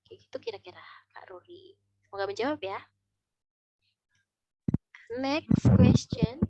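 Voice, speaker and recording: A woman's voice: high-pitched, very animated, measured pace, creaky, dark tone, slight background noise. A woman speaker in a webinar, explaining public speaking and voice-over tips with demonstrations. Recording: dull online call audio.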